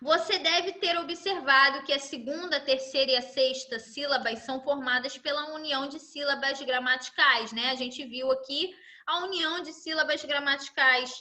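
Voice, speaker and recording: A woman's voice: high voice, moderate pace, few pauses, pushed and bright. A woman teacher, giving a chatty live class and checking in with tag questions.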